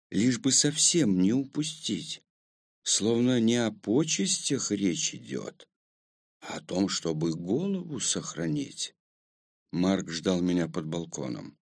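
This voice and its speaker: A man narrating a first-person audiobook story in a slow, measured way. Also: lowish voice, vocal fry, a little mellow, dry recording, clean studio sound.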